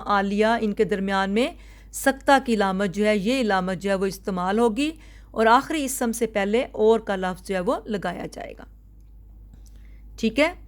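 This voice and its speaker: A woman teacher, giving a recorded grammar lecture to her students. She explains slowly and carefully, often restating a point before moving on. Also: mid-range voice.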